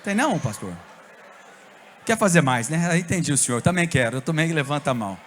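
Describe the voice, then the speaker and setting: Brazilian male pastor, high-voiced, lively sermon storyteller, church hall reverb. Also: fast, noisy background. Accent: Brazilian Portuguese. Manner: animated storytelling preacher, bursts of shouting and tongues.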